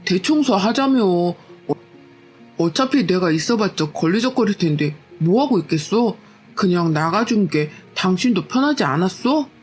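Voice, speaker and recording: A woman's voice: mid-range voice, animated, moderate pace, a little mellow, soft background music, close to an everyday voice. A woman voicing a lazy, defensive young husband who whines and brushes off every complaint, as part of a told story. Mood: sulky. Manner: whiny and irritable, brushing off complaints. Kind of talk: storytelling with acted dialogue.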